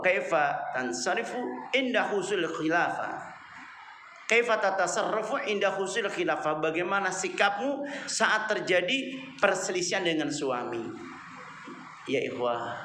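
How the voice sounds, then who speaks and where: A man preaching a lively, humorous religious lecture, weaving in Arabic phrases. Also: high-pitched, roomy sound, a little hiss or hum.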